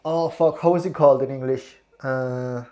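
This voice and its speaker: A young man, tipsy and queasy, rambling casually in a vlog with halting repeated words. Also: mid-range voice, fairly even intonation, warm tone. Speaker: streamer. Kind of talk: casual vlog, taste testing.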